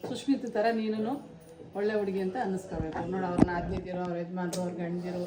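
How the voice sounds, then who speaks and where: A woman's voice: on the low side, steady tone, quick pace, heavy background noise. A middle-aged woman, the bride's aunt, giving earnest, repetitive marriage advice in a lecturing tone. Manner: earnest, repeats herself, lecturing tone. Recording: echoey room with loud crowd. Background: wedding guests chatting.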